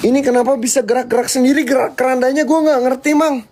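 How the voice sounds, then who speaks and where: A young man, live-streaming a night ghost hunt outdoors in a cemetery, jittery and swinging between hype chatter and hushed prayers. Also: very high-pitched, steady tone, quick pace, noisy background. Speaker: paranormal explorer streamer.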